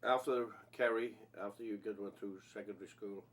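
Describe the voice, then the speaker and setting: A man conducting an informal oral history interview, feeling his way haltingly through his questions. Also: on the low side, fairly even intonation.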